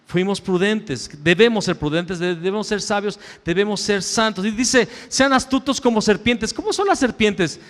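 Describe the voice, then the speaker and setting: A male pastor preaching a sermon, swinging between loud raised lines and hushed low asides. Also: moderate pace, hardly any pauses, big-room sound. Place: church sanctuary.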